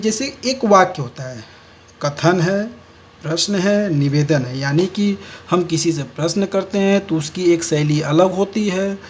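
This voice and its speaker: A man's voice: high voice, a little mellow, slight background noise. A man teaching a lesson and explaining each point step by step. He often repeats key words and restates them. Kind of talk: lecture on speech errors.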